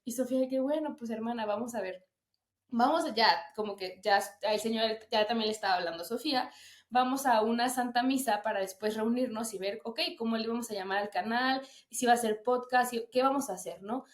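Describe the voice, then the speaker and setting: A woman tells a personal faith story casually, acting out what others said. Her voice sits a little high. The room around her is echoey. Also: brisk. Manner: lively storytelling, quoting others. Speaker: guest sharing testimony.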